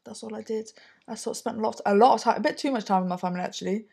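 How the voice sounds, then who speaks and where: A woman's voice: a little high, very fast, vocal fry, darkish tone, husky. A young woman co-hosting a casual chat podcast, sleepy-voiced and rambling, with lots of fillers. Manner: chatty and rambling, with many fillers. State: sleepy, low morning voice. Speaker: podcast co-host.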